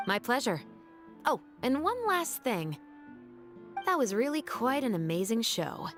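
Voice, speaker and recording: A woman's voice: a little high, big pitch swings, a little slow, fairly bright tone, faint music behind. A woman voicing a dutiful officer of the law in a game, speaking in a formal, composed way. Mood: warm. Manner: formal, composed, lightly weary.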